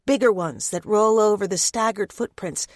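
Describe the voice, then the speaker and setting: A woman reads a first-person horror audiobook in a mid-pitched voice. Her delivery is tense and dramatic, and it drops to soft, hushed asides. The recording is close and dead dry. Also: normal speed, no echo. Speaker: audiobook narrator. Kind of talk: first-person scripted narration.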